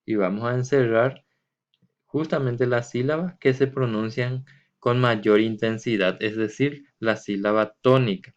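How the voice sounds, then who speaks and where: A man teaching a language lesson, patiently explaining and drawing words out slowly to show which syllable is stressed. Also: mid-range voice. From Paraguay. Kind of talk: recorded classroom lesson explanation. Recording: dull lo-fi recording.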